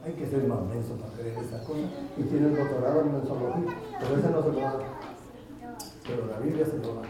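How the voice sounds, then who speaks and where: A male pastor preaching a sermon, lively, acting out the voices of parents and children he quotes. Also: medium pitch, a little fast, a crowd in the background. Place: church. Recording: echoey church hall, mic at a distance, congregation audible.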